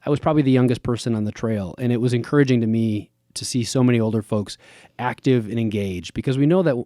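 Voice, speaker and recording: A man, explaining things in a measured way as an interview guest. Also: medium pitch, mellow, dry recording, studio quality. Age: 30s. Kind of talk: conversational interview. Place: small wood-furnished room set up as a podcast studio. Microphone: close boom-arm studio microphone.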